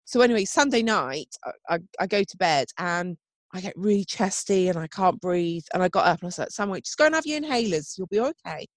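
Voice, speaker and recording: A podcast co-host with a wheezy, chesty voice and a cough chats casually, telling her story with frequent "oh my God"s and laughter. Her fairly low voice is expressive and fairly quick, and the sound is dry and close, with no room sound.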